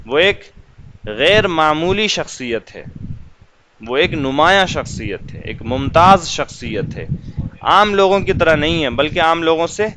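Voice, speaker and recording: A man teaching English vocabulary in Urdu, repeating each meaning and saying the example sentences slowly and carefully. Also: a little high, lively intonation, noisy background. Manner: slow, deliberate reading of English examples, repeating glosses. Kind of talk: vocabulary lesson explaining English words in Urdu.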